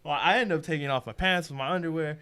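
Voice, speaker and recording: A man's voice: fairly high pitch, quick pace, clear, resonant tone. Profane, laughing young man telling a story. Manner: animated, profane, laughs through his own story. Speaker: podcast co-host. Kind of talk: casual storytelling chat.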